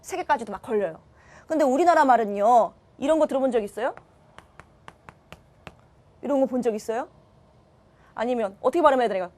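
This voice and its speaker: A woman's voice: on the high side, a little mellow. A woman teaching a grammar lesson online, asking her students questions and answering them herself. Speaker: Korean language teacher.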